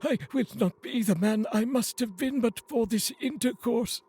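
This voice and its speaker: A man voicing Scrooge as a terrified old miser, pleading desperately in an audiobook reading, with a husky voice. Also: very high-pitched, normal speed, warm tone, pitched above the performer's own voice, exaggerated voice.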